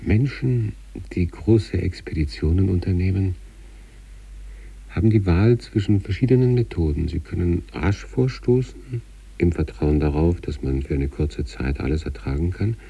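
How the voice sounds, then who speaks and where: In a literary radio monologue, a man plays an obsessive patient in a sanatorium, reading out letters to his wife with measured, inward intensity. His voice is dark, low, husky and gravelly. The mic is distant and the audio dull.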